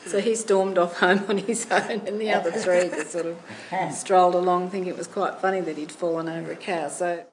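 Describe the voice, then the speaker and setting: A woman's voice: fairly low pitch, steady tone, brisk, crowd noise, low-quality recording. A woman telling an amused family anecdote. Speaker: oral history interviewee.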